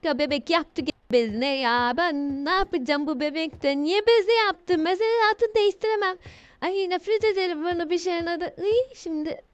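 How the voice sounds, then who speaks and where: A young woman playing a horror game while commentating, with excitable, easily startled exclamations. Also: very high voice, normal speed, no echo, muffled recording. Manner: jumpy, shrieking exclamations when scared. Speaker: gamer.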